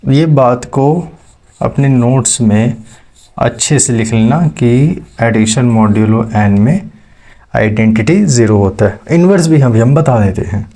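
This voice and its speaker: A man's voice: medium pitch, measured pace, warm tone. A man teaching maths step by step, checking in with his students as he explains. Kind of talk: classroom lecture.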